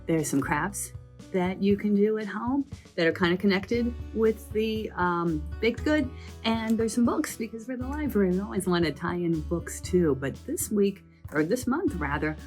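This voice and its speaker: Her medium-pitched voice is croaky with a summer cold as this children's librarian leads a library program. She brings each book's tale to life in a chatty, animated storytelling style.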